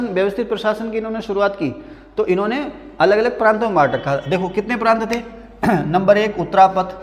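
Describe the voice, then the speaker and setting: A high-pitched man lectures on history to a class, asking a question and answering it himself as he goes. He chats and jokes with the students between points. His voice rings with a long reverb in the room. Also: fairly bright tone. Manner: repeats key answers as quiz-style questions. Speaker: history teacher at a coaching academy.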